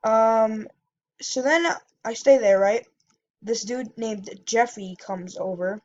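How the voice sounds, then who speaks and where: A woman's voice: on the high side, takes it slowly, lo-fi sound. A woman vlogger telling a story in a casual, rambling way, full of fillers and self-corrections.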